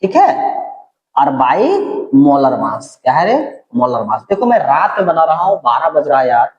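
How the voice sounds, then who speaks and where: A man's voice: a little high, sing-song, a little slow, echoey room, lo-fi sound. A middle-aged male teacher giving a chemistry lecture, talking casually and keeping his voice down at night. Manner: casual, keeps checking in with "ठीक है"; speaking softly, holding his voice down. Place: room at night.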